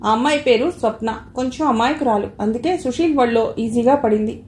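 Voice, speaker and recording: A woman narrating an audio novel in a calm, even storytelling manner. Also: fairly high pitch, brisk. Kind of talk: scripted narration. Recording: echoey room, faint hiss.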